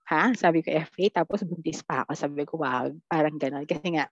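Woman guest, lowish voice, animated storyteller, dry dull lo-fi sound. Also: brisk, no room sound. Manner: animated, quotes her own dialogue, blunt. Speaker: podcast guest. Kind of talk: casual storytelling chat.

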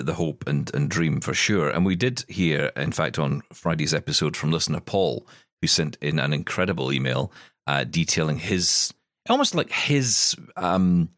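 A man with a low voice that swings widely as he talks, hosting a casual tech podcast. He sounds chatty and self-deprecating, and the studio mic is dry and close. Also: expressive, normal speed, a bit bright, no room sound. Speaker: podcast host. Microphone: studio microphone.

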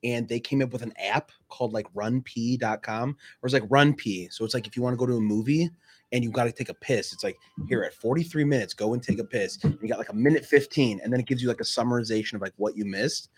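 Dude on a sports pod, normal pitch, rambly casual stories, slangy. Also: male voice, quick pace. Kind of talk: casual anecdotal chat.

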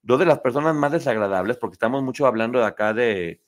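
A man's voice: medium pitch, fast. A chatty man with a Mexican Spanish accent hosts a live stream. He talks straight to his viewers, reads their comments aloud and laughs often. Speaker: host.

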